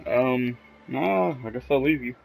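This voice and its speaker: A man gives casual let's play commentary and reads out dialogue choices. His voice has plenty of fry at a middling pitch, with faint music behind him. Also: unhurried, low-quality recording.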